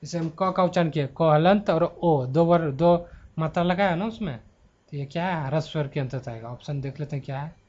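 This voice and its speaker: A man's voice: on the high side, a little fast, a little mellow. A man teaching a grammar exam-prep lesson into a mic at his laptop, thinking aloud and correcting himself as he goes. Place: at home before a laptop. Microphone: handheld mic at a laptop. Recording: dull lo-fi mic sound.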